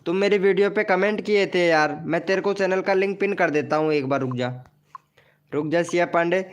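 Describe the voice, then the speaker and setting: A man's voice: sits high, brisk, dull audio. A man hosting a casual live stream who promotes viewers' channels, teases them jokingly and calls each of them by name.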